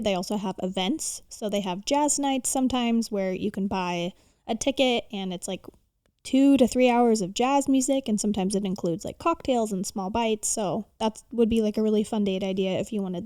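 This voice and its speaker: A woman's voice: mid-range voice, moderate pace, mellow, smooth, no room sound, clean studio sound. An American woman co-hosting a podcast, casually sharing recommendations in informal speech peppered with "like". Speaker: podcast co-host.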